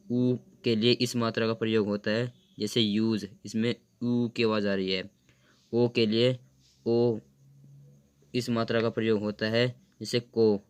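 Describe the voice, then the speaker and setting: A man teaching pronunciation, reading word lists slowly and carefully in a lesson. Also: lowish voice, smooth. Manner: slow, careful, reads out word lists one by one. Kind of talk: slow explanatory lesson.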